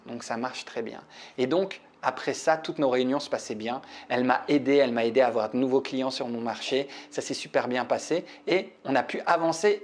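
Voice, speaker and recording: Chatty man coaching to camera. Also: medium pitch. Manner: chatty, animated, addresses listener directly with many fillers and restarts. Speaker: public speaking coach. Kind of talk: casual teaching monologue to camera.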